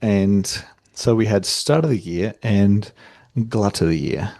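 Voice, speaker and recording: A young Australian man hosts a solo podcast in a low, mellow voice, speaking slowly and rambling casually with frequent fillers and restarted sentences, a delivery he calls monotone himself. The sound is dry and close, with no room sound.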